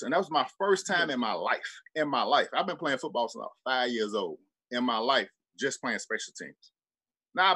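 A man's voice: medium pitch, slightly rough. A man from Birmingham, Alabama with a Southern accent, a former football player telling loose, profane stories as a guest on a sports talk show. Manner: animated, profane, loose storytelling with lots of "like".

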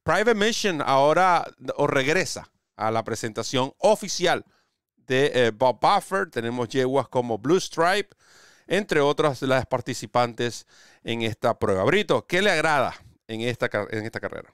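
A man hosting a horse racing analysis show on a video call, wearing a headset, with a lively presenter delivery. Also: medium pitch, measured pace, smooth, no room sound, studio quality. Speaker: host.

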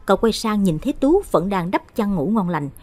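A woman storyteller giving expressive, dramatic narration of a scripted horror story. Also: mid-range voice, a little fast, slightly rough, no room sound.

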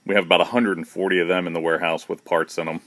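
This man speaks very fast in a low voice with no room sound as he films a walkthrough of his shop's big shelved warehouse on a handheld phone, standing behind it. He stays relaxed and matter-of-fact, using fillers and restarting often.

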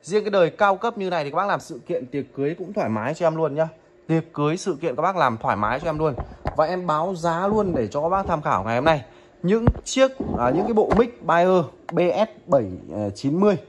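Guy pitching audio gear, kinda high voice, bit of hiss behind. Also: lively intonation, a little fast. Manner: chatty, addresses viewers as "các bác", frequent "được chưa?". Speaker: audio equipment seller. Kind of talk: product demo sales pitch.

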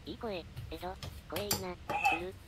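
A woman reeling off quick, chatty remarks. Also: fairly low pitch.

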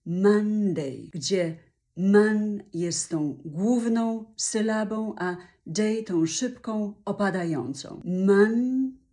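An older woman teaching English pronunciation in Polish, drawing out each demonstration sound slowly and carefully. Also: medium pitch, mellow. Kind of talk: pronunciation lesson.

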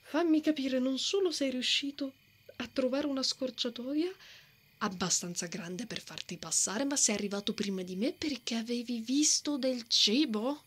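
In an acted monologue for an ASMR romantic fantasy roleplay, a woman plays a brave, stubborn, protective female knight, sounding stubborn and defensive. Her voice sits on the high side with a breathy edge, at a moderate pace.

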